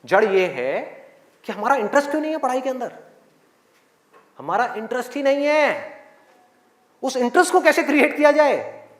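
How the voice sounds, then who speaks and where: A motivational speaker runs a live session in a hall, packed with rhetorical questions and voices he acts out. His voice is very high-pitched, animated and fairly bright, at normal speed with frequent pauses. The hall echoes and a crowd is faintly audible.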